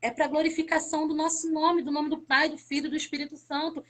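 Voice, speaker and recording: A woman from Brazil with a high, bright-sitting voice gives a personal faith testimony as a live-stream guest. She speaks fervently and repeats words to drive her points home. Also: flat delivery, fast talker.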